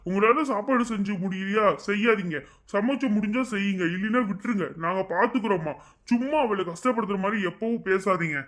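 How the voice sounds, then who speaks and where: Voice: medium pitch, fairly quick, a bit bright, close to an everyday voice. A harried young husband, as a voice actor plays him. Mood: pleading. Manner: pleading, exasperated.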